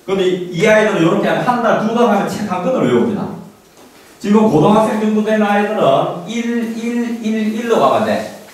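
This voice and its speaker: Man, lecturer, quizzes the audience, repeats himself, animated voice, heard from afar. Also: high voice, a little fast, very echoey, recorded from a distance, slight background noise, poor audio. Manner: quizzes listeners with questions, repeats points. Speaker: lecturer on study methods.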